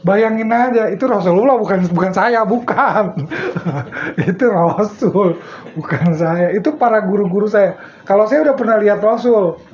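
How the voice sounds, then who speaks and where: A man's voice: normal speed, few pauses. A man giving a casual religious study talk, chatting and laughing often. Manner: chatty, laughs often, quotes his teachers in a low soft voice. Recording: dull lo-fi recording with faint noise.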